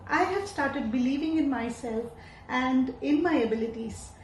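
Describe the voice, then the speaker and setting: Woman, higher voice, earnest, echoey room, faint ambience. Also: normal speed, a little mellow, a little hiss or hum. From India. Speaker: educator. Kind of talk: personal testimonial.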